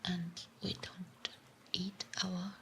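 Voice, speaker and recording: A woman's voice: lowish voice, flat delivery, extremely slow, fairly bright tone, slight background noise. A woman with a German accent doing a whispered role-play as an office clerk, hesitant, playful and reassuring, close on a binaural microphone. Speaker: ASMR performer playing an office clerk.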